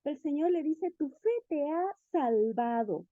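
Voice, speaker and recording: Woman preacher, sermon, animated, questions the listeners, high pitch, dry lo-fi sound. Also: a little slow, no room sound. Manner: animated, asks the listeners questions, acts out quotes. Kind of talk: sermon teaching. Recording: dull, lo-fi recording.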